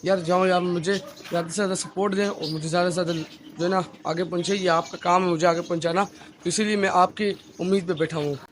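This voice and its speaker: A teenage boy vlogging casually from a rooftop among his bird cages, chatty and excitable, talking to his pets. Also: high-pitched, quick pace, slight background noise. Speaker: pet vlogger. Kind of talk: casual vlog. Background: birds chirping.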